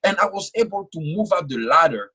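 Fairly high and expressive, this young man's voice moves fairly quickly with a pushed, bright quality and a breathy edge. A native French speaker, he answers earnestly as an author in a conversational interview, frequently repeating words as he thinks.

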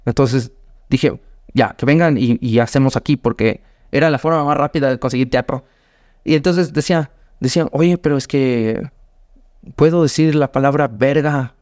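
A man's voice: medium pitch, moderate pace, a little mellow, no room sound. Young adult Ecuadorian man, comedian guest, loose rambling anecdotes with acted-out voices, dry close sound. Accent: Ecuadorian Spanish. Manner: rambling, restarts often, acts out quoted voices. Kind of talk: casual storytelling interview.

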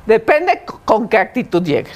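A woman's voice: on the high side, slight background noise. A woman co-hosting a casual podcast chat, acting out little scenes as she talks. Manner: expressive, acts out scenes. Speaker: podcast co-host.

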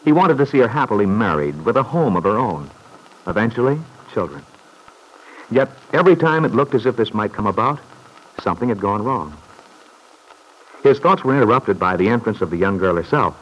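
A man narrating a 1940s radio drama in a measured, scripted storytelling manner. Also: lowish voice, animated, poor audio.

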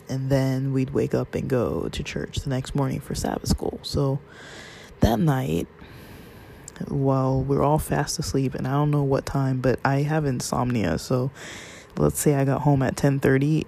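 A man from Southern California recounts a personal story in a loose, rambling monologue. His voice is dark and mellow, with a gravelly fry running through it, and a faint hiss sits behind him. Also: medium pitch, little pitch movement, normal speed. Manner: rambling, conversational, quotes others in passing. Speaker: vlogger.

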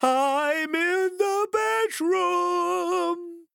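A man voicing a creepy ghost of a bloody finger, wailing slowly and drawn out. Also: very high voice, creaky, pushed and bright, no room sound, clean studio sound, voice pushed up, heavily acted. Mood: eerie.

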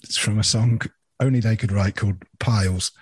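Male quiz host, husky tone, dry close sound, casual and jokey. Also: on the low side, fairly even intonation, moderate pace, no echo. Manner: reads out lyrics, jokey. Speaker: podcast co-host running a quiz. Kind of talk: casual chat.

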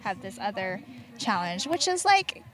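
A woman's voice: medium pitch, sing-song, measured pace. A woman hosting a podcast, asking long rambling questions in a chatty, upbeat way and laughing easily. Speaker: podcast host. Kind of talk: casual interview chat.

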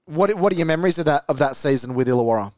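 Smooth-voiced podcast host. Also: male voice, a little high, animated, racing, a little mellow, dry recording, clean studio sound. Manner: thorough questions with restarts. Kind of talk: interview questions.

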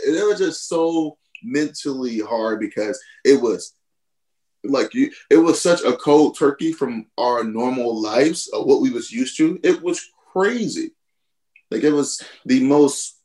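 A former college football player in his thirties tells stories on a podcast in a casual, animated way. He laughs and jumps high in pitch whenever he quotes himself.

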